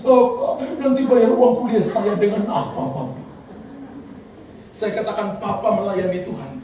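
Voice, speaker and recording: Male pastor, lively preacher, sounds far from the mic in a big reverberant hall. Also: sits high. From Indonesia. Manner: animated preaching with laughter and acted-out quotes. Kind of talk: sermon. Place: large church hall. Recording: echoey hall from far off with noise.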